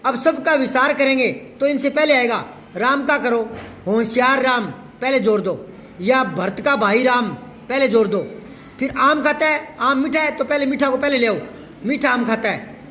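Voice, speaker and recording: High-voiced man teaching grammar. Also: bright, forceful tone, slight background noise. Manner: patient, repeats sentences slowly to students. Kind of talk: classroom grammar lesson.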